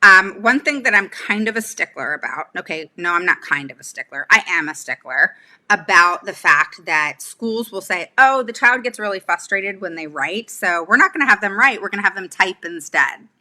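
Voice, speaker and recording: Speaking at a moderate pace with a mid-range, lively, pushed and bright voice, a special education advocate in her forties runs a chatty livestream lesson indoors in a small home room. She's emphatic and keeps asking listeners "okay?" or "all right?"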